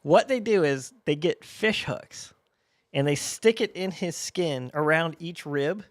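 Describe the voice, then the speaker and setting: This is a man co-hosting a casual podcast, retelling a scene with animated energy and bursts of laughter. His voice sits a little high for a man. The sound is close and dry. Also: measured pace, dry recording. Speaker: podcast co-host. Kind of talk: casual chat.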